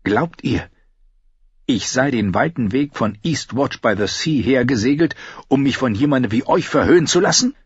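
A man's voice: a little high, expressive, moderate pace, breathy edge, no room sound, highs cut off, pitched above the performer's own voice. A man playing a bitter, resentful knight. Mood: furious. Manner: resentful, snapping, insistent. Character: bitter, proud knight of a remote watch, grown man.

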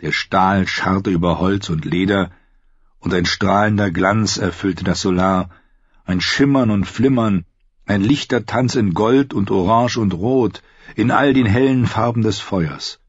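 A man narrating an audiobook in a slow, measured manner. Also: on the low side, husky, no echo. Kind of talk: audiobook reading. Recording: dull lo-fi audio, dry.

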